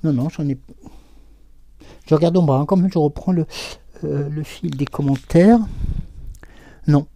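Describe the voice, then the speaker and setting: Very mellow, hesitant male card reader. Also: a little high, unhurried, gravelly, long pauses. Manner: hesitant, many fillers and restarts. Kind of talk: live oracle card reading with viewer comments.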